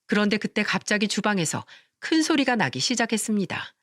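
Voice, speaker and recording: A woman telling a first-person story with a lively, rising-and-falling delivery. The sound is close and dry, with no room echo. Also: mid-range voice, fairly quick. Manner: expressive storytelling, acting out quarrels. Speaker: narrator.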